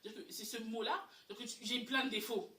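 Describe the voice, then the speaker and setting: Animated young woman in an echoey room. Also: a little high, fast talker. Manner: animated, exasperated retelling with repeated words. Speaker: storyteller. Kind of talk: casual storytime chat. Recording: echoey room, far from mic.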